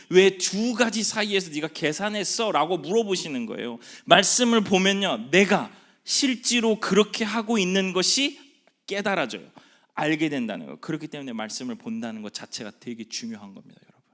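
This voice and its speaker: Middle-aged pastor guy preaching in church, gets loud with questions then goes real quiet, does little voices for naggy moms. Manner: animated preaching, swinging between loud emphatic questions and low quiet asides; acts out quoted voices of nagging mothers and worldly voices. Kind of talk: sermon. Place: church worship hall.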